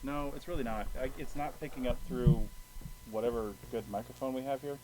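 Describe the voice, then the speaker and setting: A man's voice: medium pitch, fairly even intonation, fairly quick. A man hosting a casual live podcast, chatting in a blunt, matter-of-fact way over hissy, static-laden audio. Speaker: podcast host.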